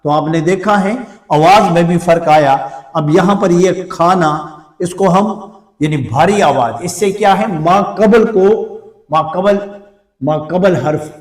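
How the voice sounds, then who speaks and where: A male teacher with an Urdu accent who explains slowly, repeating words to show their pronunciation in a classroom lesson. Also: high voice, echoey room, recorded from a distance. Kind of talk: slow blackboard lesson.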